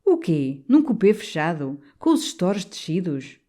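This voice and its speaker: This is a persuasive young suitor, read by a woman in her own low voice. He coaxes and insists in a warm, mellow tone. There is little change from the narration. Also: big pitch swings, unhurried. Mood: coaxing.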